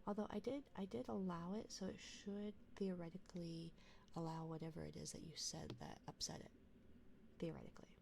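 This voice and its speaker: A woman hosting a bedtime ASMR live stream, chatting softly and intimately like pillow talk and often dropping into whispers close to the microphone. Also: on the low side, fairly quick, gravelly, slight background noise. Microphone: close binaural microphone.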